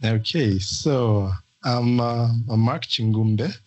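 A young man from Zambia, a guest in an interview, talking in a relaxed, hesitant way with many fillers. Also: medium pitch, slow pace, slight background noise. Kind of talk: casual interview talk.

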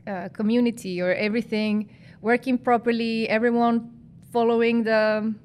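Woman guest, fairly high voice, chatty, hesitant phrasing. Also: flat delivery, normal speed, a little mellow. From Chile. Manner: chatty, searching for words, laughs often. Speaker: guest, former physician and master's student. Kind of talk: podcast interview.

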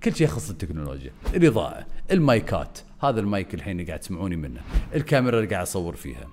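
A man giving an energetic video lesson as a content coach, swinging his voice up and down on purpose. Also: sits low, very fast, faint music behind.

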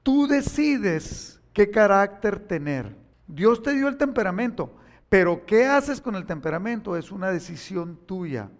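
A man's voice: high voice, very animated, measured pace. An older man with a Mexican accent preaching a sermon, emphatic and repetitive, speaking directly to his listeners.

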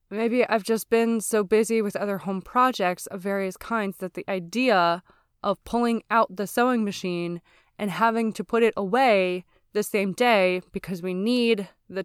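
A woman's voice: medium pitch, clear, resonant tone, dry recording, studio quality. A woman hosting her own casual knitting podcast. She talks chatty and candid, mocks herself, and swears freely. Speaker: podcast host. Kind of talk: casual solo podcast chat.

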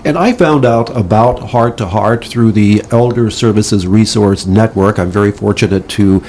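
A man's voice: on the low side, normal speed, dark tone, slight background noise. Enthusiastic podcast host, man. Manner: enthusiastic, emphatic announcer delivery. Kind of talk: upbeat interview host.

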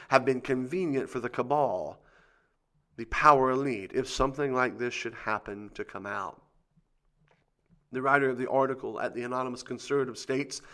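A man's voice: medium pitch, a bit bright. A man hosting a conspiracy show, reading scripted commentary with dramatic emphasis and rhetorical questions.

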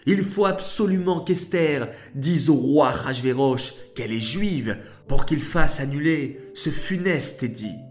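A man's voice: on the high side, animated, unhurried, few pauses, soft background music, pitched above the performer's own voice. A man doing a wailing grieving elder. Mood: urgent. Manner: wailing, earnest pleading. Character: grieving older male cousin, wise.

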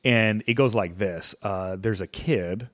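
Low-voiced man, rambling podcast host. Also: slow, a bit bright. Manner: rambling, self-correcting, heavy on fillers. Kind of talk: casual chat and teaching.

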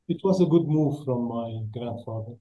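A man with a Lebanese accent telling stories as an interview guest, halting as he searches for English words. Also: medium pitch, muffled recording. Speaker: interview guest, roofing business owner. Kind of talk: conversational storytelling in an interview. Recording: echoey room sound.

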